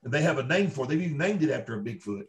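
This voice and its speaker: Racing along in an expressive, medium-pitched voice, a Kentucky man relates first-hand Bigfoot encounters as an interview guest. He keeps it folksy and emphatic, repeating himself for effect.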